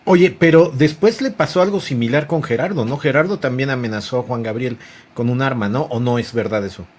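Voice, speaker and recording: A man's voice: mid-range voice, brisk. A man hosting an interview, asking short prompting questions and clarifying for the audience. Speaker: interviewer host.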